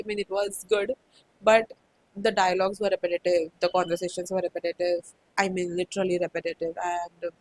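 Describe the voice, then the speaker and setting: A woman's voice: medium pitch, poor audio. A woman with an Indian accent chatting casually about books she read, full of "like" fillers and slipping into Hindi phrases now and then. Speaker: book vlogger. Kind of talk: casual book review chat.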